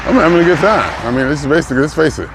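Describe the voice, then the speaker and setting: A man in his early sixties musing aloud in a reflective vlog, thinking in halting stretches with pauses and restarts while he walks outside. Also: fairly high pitch, animated. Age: 60s. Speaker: vlogger. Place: outdoors on a city street, walking. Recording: outdoor traffic noise. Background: passing cars and street noise.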